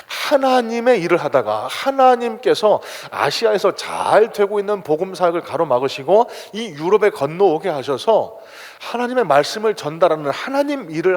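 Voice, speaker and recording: A male pastor preaching a dramatic sermon in a church, swinging between loud exhortation and hushed tones. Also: high-pitched. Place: church sanctuary. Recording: long church hall reverb.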